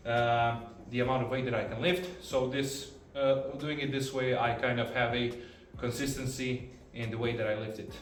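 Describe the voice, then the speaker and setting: An arm wrestler films his training, breezily explaining exercises between sets with plenty of fillers and getting winded at times. His medium-pitched voice has a little hiss or hum, picked up by a far camera in a roomy space with faint music.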